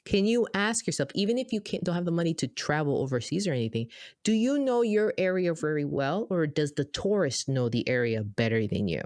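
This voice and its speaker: A woman from Boston co-hosting a podcast, telling stories in an animated, emphatic, casual way. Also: sits low, a little fast, no room sound, studio quality. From Boston, USA. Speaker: podcast co-host.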